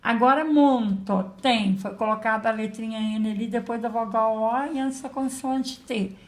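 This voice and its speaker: A woman's voice: fairly high pitch, normal speed. A woman teacher giving a patient children's lesson, spelling out letters and sounds. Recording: echoey room.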